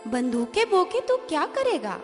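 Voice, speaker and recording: Woman acting a doting mother, lively high voice. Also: unhurried, full character voice. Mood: tender, amazed. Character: doting, anxious mother of a little boy. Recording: reverberant hall, music behind.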